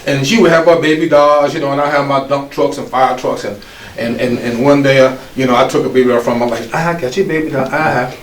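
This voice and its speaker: A man in his fifties from the United States, a guest speaker telling his life story in an animated way, laughing and acting out voices. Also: mid-range voice, fast talker. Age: 50s. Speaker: guest speaker, former pro football player. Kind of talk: personal life story told to an audience. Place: office room. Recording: echoey room, distant mic, faint ambience.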